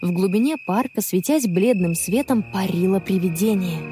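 A woman telling a children's story in measured, expressive audiobook narration. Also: mid-range voice, soft background music.

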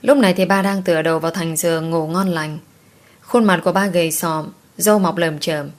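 A woman narrating a romance audiobook in a calm, steady, measured reading. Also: on the low side.

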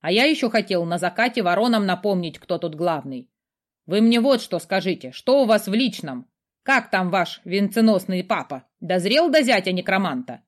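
A woman's voice: mid-range voice, expressive, normal speed, natural voice. A woman voicing a brash, teasing male skull familiar who rattles on in an audiobook. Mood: nosy. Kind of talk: audiobook character voice.

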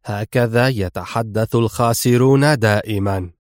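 Picture a swaggering, mocking crime boss in an audiobook, smug and taunting, his voice pitched low, as a male narrator reads him. The speech is dry and close to the mic. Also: measured pace, dry recording, lightly acted.

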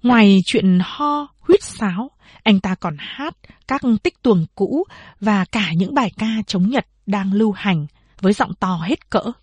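A woman narrating a novel aloud in measured storytelling, voicing all the figures herself. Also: mid-range voice, animated, husky, no echo. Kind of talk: audiobook narration.

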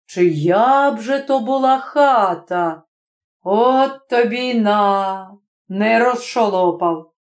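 A woman voicing a stubborn, sly middle-aged village man who mutters slowly to himself. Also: on the high side, echoey room. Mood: grumbling.

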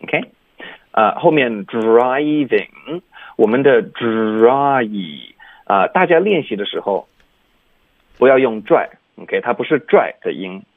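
Male language teacher, mid-pitched, patient explainer, dry tinny phone-line sound. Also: sing-song, normal speed, pauses often, no echo. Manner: explains patiently, demonstrating English sounds with exaggerated articulation. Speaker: English pronunciation teacher. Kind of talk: radio language lesson.

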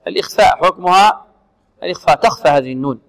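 A man teaching Quran recitation rules, slowly repeating words to demonstrate them and asking students questions. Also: high voice, gravelly, fairly bright tone, big-room sound. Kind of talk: tajweed lesson for students.

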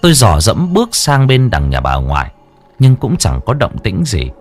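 Low-voiced man narrating a ghost story. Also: huge pitch swings, normal speed. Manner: dramatic, tense storytelling with wide swings in pitch. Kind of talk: scripted horror story narration. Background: faint background music.

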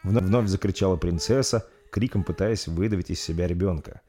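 Low-voiced man narrating a story. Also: brisk, warm tone, a little hiss or hum. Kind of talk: audiobook narration.

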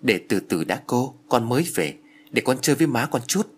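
A man's voice: medium pitch, very animated, a little fast, breathy edge. A man doing a timid, troubled young wife. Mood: hesitant. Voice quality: hesitant, anxious.

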